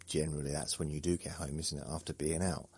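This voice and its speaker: A man's voice: rumbling low, level tone, fast talker, darkish tone, slightly rough. A man hosting a sleep podcast, rambling in a meandering, self-deprecating way with jokey asides. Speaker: podcast host.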